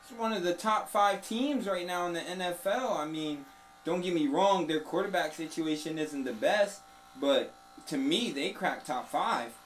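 A man's voice: high voice, normal speed, rough recording. Opinionated man joking over razor buzz. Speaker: host of a sports talk show. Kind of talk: casual banter and sports chat. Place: room during a haircut. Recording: steady electric razor buzz, ambient noise.

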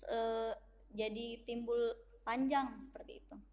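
A woman teaching children to read the Quran, explaining slowly and patiently and reading syllables aloud as examples. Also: on the high side, steady tone. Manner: slow, patient teaching; reads syllables loudly and drawn out as examples. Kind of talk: recorded online lesson for children.

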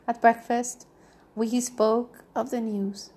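A woman narrating a novel aloud in a measured, even reading style. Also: fairly high pitch. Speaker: audiobook reader.

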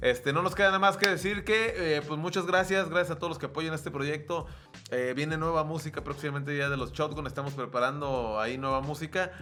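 A man with a Mexican Spanish accent, co-hosting a podcast in relaxed, rambling casual chat full of fillers. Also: a little high, brisk, faint music behind. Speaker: podcast co-host.

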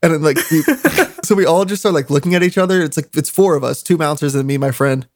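A man's voice: fairly high pitch, expressive, fast, no room sound, clean studio sound. A young man casually telling a story on a stream, laughing often, swearing, with lots of "like" fillers.

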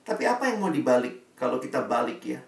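Gravelly preacher in an echoey hall. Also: male voice, brisk, far from the mic. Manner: animated, acts out quotes in a high pleading voice. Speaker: pastor. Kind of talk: sermon.

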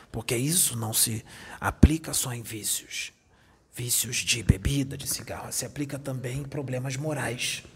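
A stern male spirit guide lectures in a heavily gravelly, rough and husky voice, as a man channels him. He hammers his points through repetition and rhetorical questions, at a middling pitch. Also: fairly bright tone, exaggerated voice. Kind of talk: spiritual teaching.

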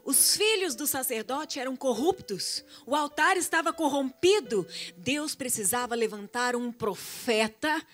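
A woman's voice: sits high, animated, measured pace, a bit bright. A woman preaches with emphatic, repetitive cadences, leaning on refrains to drive her points home. Faint instrumental music plays behind her voice. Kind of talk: sermon.

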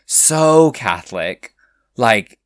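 A man chatting casually, relaxed and reflective, with fillers and restarts. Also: mid-range voice, drawn-out words, no room sound, studio quality. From mother from Cork, Ireland. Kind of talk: casual chat.

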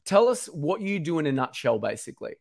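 A man hosting a live-streamed interview show, reading out viewer comments and agreeing warmly with his guest. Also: a little high, big pitch swings, fairly quick, vocal fry, dry recording, studio quality.

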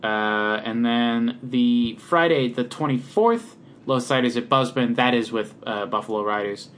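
A man from talks casually on a podcast, stumbling through ums and uhs at an unhurried pace. His voice sits in an ordinary middle range. Faint noise hums under the recording. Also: medium pitch. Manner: relaxed, hesitant with many ums and uhs. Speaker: podcast co-host and local musician.

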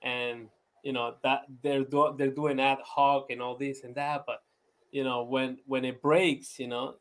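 At medium pitch with little movement in it, he speaks unhurriedly. Laughter, restarts, and repeated "you know"s mark this laid-back, talkative Venezuelan-born man chatting casually as a podcast interview guest.

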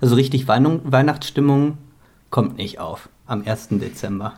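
A man's voice: mid-range voice, normal speed, darkish tone. A man, co-hosting a casual chat, rambling and playful, often restarting his sentences. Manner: rambling, self-correcting, playful.

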